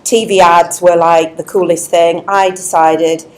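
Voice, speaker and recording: At an indoor networking event, a chief executive from Leeds, England, tells her career story on stage in a chatty, self-deprecating interview, using a wireless mic. Her lowish, darkish voice moves little in pitch and runs a little slow. The recording quality is low.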